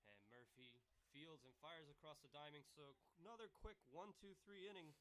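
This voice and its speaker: Bright-voiced man calling baseball. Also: on the high side, normal speed, a little hiss or hum, rough recording. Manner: steady, lifts for big plays. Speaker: play-by-play announcer. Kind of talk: baseball play-by-play commentary.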